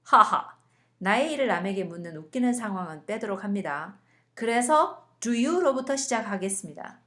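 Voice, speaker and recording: A woman's voice: medium pitch, lively intonation, normal speed. A young woman teaching an English lesson in scripted narration, stretching out example words as she coaches pronunciation.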